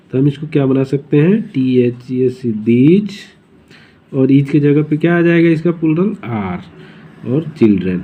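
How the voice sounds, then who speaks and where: A man's voice: on the high side, lo-fi sound. A male teacher explaining grammar, who asks his listeners questions and answers them himself.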